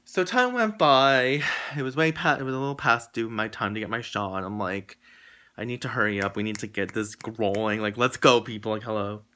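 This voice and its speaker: A young man telling a story casually to his viewers, rambling and acting out what people said, his pitch jumping up high when he gets excited. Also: brisk. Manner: animated, rambling, acts out quotes with jumps in pitch. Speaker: vlogger.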